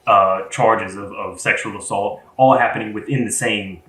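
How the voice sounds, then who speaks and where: A man's voice: on the low side, fairly even intonation, moderate pace, fairly bright tone, reverberant, rough recording. A man co-hosting a podcast in casual chat, rambling and hesitant with many restarts. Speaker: podcast co-host.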